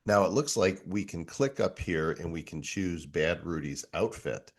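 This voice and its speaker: Deep-voiced middle-aged guy hosting a tech show, relaxed and chatty. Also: measured pace. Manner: relaxed, conversational, easily amused. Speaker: show host. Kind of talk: casual tech walkthrough.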